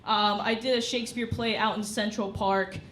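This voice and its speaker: A woman's voice: mid-range voice, steady tone, normal speed, a bit bright. Young woman doing stand-up, chatty, loads of "you know", noisy echoey club. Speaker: stand-up comedian. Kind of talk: stand-up set. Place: comedy club stage. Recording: echoey club with audience noise. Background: live audience laughter.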